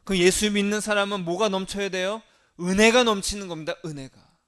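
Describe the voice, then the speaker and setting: A man preaching a sermon as a pastor, putting questions to the congregation and answering them himself. He shifts between loud emphasis and soft, low asides. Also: fairly even intonation, brisk, smooth.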